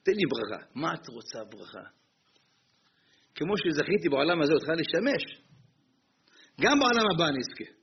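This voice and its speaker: Humble pious maid as a man plays her, earnest, kinda high voice, muffled audio. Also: big pitch swings, long pauses, slightly rough, heavily acted. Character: humble devout woman servant, earnest and simple. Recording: dull slightly noisy recording.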